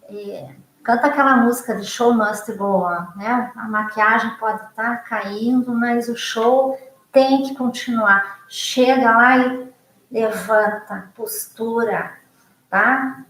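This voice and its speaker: A woman's voice: fairly high pitch, steady tone, takes it slowly, echoey room, a little hiss or hum, rough recording. A Brazilian woman psychologist in casual talk, answering her students' questions, often tagging "né?" onto her sentences. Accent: Brazilian Portuguese. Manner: warm, conversational, many "né?" tag questions. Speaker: psychologist and teacher.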